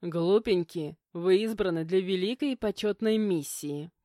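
A woman voicing a middle-aged male academy director who is calm, cold and falsely gentle. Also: on the low side, moderate pace, no room sound, clean studio sound, natural voice. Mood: mock-gentle. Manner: calm, mock-gentle, sneering.

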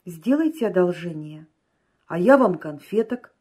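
A woman's voice: on the low side, expressive, measured pace, darkish tone, slightly rough. A woman reading an audiobook, voicing a polite, confident young lady.

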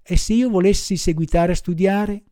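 A man's voice: sits high, moderate pace, dark tone, clean tone, dry recording, studio quality, natural voice. A man voicing a cheeky young wooden puppet boy in a storybook reading, mocking and sure of himself.

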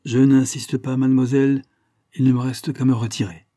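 A man reading aloud, voicing an earnest, dutiful male police inspector in a formal, measured way. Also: mid-range voice, level tone, mellow, no echo, clean studio sound, voice pushed up, lightly acted.

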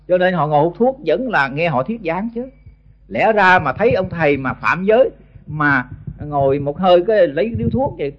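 Older man, Southern Vietnamese accent, blunt scolding sermon, high voice, dull old tape sound. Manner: blunt, scolding, stumbles on repeated words. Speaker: Buddhist monk teacher.

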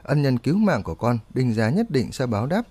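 A man's voice: medium pitch, big pitch swings, brisk, dark tone, no echo. A man playing an anxious, doting middle-aged father who speaks in a worried, pleading way.

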